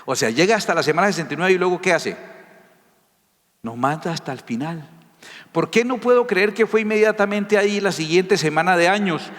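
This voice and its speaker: A man's voice: high voice, animated, brisk, a bit bright. A man preaching a sermon as a pastor, emphatic and firing rhetorical questions at his listeners. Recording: reverberant hall.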